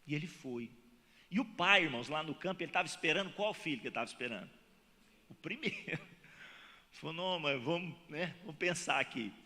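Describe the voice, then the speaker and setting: A Brazilian pastor preaches with a lively, swooping delivery and a bright, forceful tone. He acts out dialogue in changing voices. His voice rings with the long reverb of a church hall. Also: fairly high pitch, fairly quick. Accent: Brazilian Portuguese. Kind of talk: sermon.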